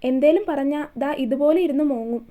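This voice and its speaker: A woman's voice: high voice, brisk, phone-quality sound, lightly acted. A woman voicing a playful, affectionate young husband who likes to tease. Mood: teasing. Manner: playful teasing.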